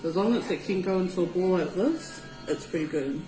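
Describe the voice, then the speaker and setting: Talking a little fast in a lowish voice, a home cook with a New Zealand Māori accent walks through a recipe in an easygoing, casual way, mixing Māori words into her English. Music plays in the background, and the room gives the audio an echo.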